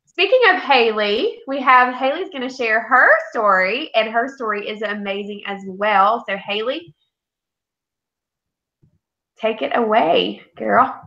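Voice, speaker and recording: A woman's voice: on the high side, measured pace, sharp tone. A woman host chats casually and gushes with encouragement to her guest. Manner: gushing, effusive, encouraging. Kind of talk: casual interview chat. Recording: echoey, muffled room sound.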